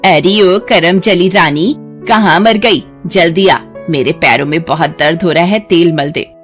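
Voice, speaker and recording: A cruel, domineering mother-in-law from a cartoon, as a woman puts her on. She speaks slowly, with a loud, harsh voice, over faint music. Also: fairly low pitch, lightly acted. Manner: harsh, slow and commanding.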